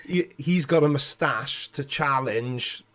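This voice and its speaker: A man's voice: medium pitch, slow, fairly bright tone. A man from Wales, chatting wryly as co-host of an online call, his voice carrying a cave-like echo. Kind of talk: casual livestream chat. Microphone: home computer mic over an online call. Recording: echoey room, voice far from mic.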